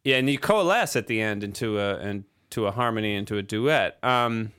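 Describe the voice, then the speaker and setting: A man's voice: fairly low pitch, moderate pace, smooth. A man co-hosting a podcast, chatting loosely about recording a song, with plenty of fillers. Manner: relaxed, rambling with fillers. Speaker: podcast co-host, drummer. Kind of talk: casual chat about their record.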